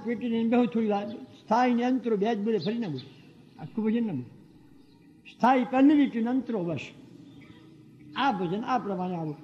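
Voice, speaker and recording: A man telling a devotional story to a gathering, animated and acting out the exchanges he describes. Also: sits high. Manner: animated, acts out quoted exchanges. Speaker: devotional speaker. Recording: dull lo-fi sound with long hall reverb.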